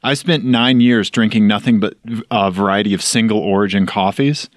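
A man's voice: fairly low pitch, moderate pace, dry recording, clean studio sound. A man with a Missouri accent hosting a podcast in a casual, joking chat, often checking in as he explains. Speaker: podcast host.

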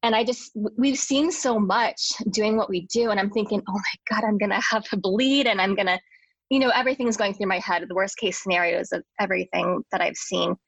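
Young adult woman, hospital staff, recounting a personal story earnestly, with restarts, mid pitch, dry room. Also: brisk, creaky, no echo, rough recording. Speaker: interview guest, hospital worker.

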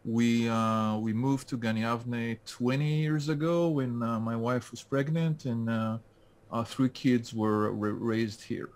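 A French LinkedIn specialist, guesting on a casual call-in interview, speaks slowly in a medium-pitched voice with fairly even intonation. His delivery is full of hesitations and restarts.

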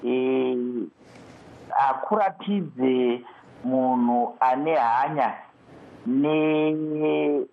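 A man with a Zimbabwean Shona accent giving live commentary as a guest analyst, deliberate and halting, restarting words. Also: mid-range voice, gravelly. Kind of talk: political commentary in a live discussion. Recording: slightly muffled remote line.

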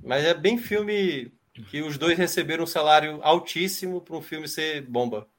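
A man's voice: a little high, normal speed. A man hosting a casual podcast, announcing each title and moving the ranking along. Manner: moves the list along, reads out titles. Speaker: podcast host. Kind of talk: casual chat.

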